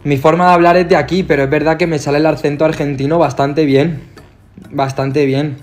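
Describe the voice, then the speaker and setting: A young man with a Spanish accent from Spain talks close up to his phone camera in a laid-back, slangy social media video. His slightly high voice is level and brisk, and background music plays in the phone clip.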